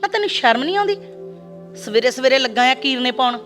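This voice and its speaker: An actress playing a sharp-tongued village mother who scolds her grown son. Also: high-pitched, animated, fast talker, music in the background. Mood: scolding. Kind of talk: Punjabi web series acting.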